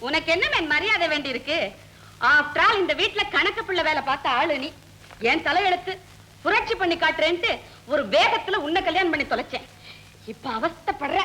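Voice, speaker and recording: An actress playing a snobbish, bossy wife in a 1970s film comedy, talking haughtily and dropping English words. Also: female voice, very high-pitched, brisk, bright, forceful tone, poor audio. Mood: scornful.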